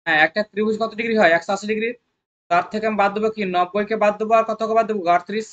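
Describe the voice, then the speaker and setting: Coaching-centre math tutor, mid pitch, rapid, drills students with constant questions. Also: steady tone, fairly bright tone, muffled recording. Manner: coaxing, repetitive. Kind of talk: exam-prep math lesson.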